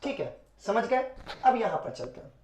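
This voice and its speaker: A woman teacher giving a grammar lesson, repeating words slowly and often checking whether students understood. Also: fairly high pitch, very animated, darkish tone. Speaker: English teacher. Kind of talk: classroom-style grammar lesson. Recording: echoey room.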